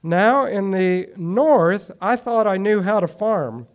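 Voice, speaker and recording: A man reading historical accounts aloud in a measured, deliberate way, with small restarts, then commenting on them. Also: high-pitched, expressive.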